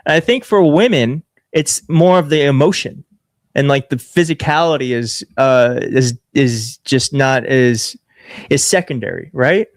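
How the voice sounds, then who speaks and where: Man, podcast guest, hesitant deadpan talk, mid-pitched voice, dry close sound. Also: a little slow, no echo. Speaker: guest, political commentator. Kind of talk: casual chat.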